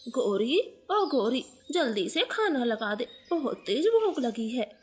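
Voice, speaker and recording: A woman's voice: a little high, big pitch swings, slow, slight background noise. A woman voicing a hungry male sparrow son in a storybook cartoon, calling out impatiently.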